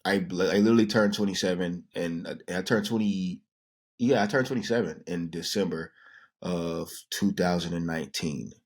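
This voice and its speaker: A man in his thirties with a very low, deep voice, chatting casually as a podcast co-host. He tells stories in an easygoing way, full of "you know" and "like". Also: moderate pace, slightly rough. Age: 30s. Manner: relaxed storytelling, many fillers. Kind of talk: casual chat.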